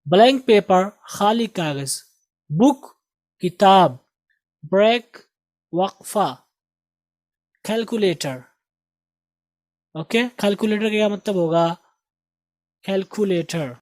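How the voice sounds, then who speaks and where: Male English tutor, Indian Urdu accent, steady repetition drills, dry close recording. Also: high-pitched, dry recording. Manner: drills words with slow repeated pronunciation. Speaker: English teacher. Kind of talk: recorded lesson.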